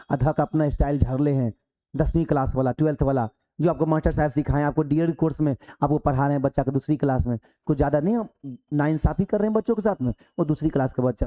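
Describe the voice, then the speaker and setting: A man's voice: on the high side, mellow. A male coaching teacher, giving a live online class from the hall of his coaching centre, talking conversationally with rhetorical questions and acting out pupils.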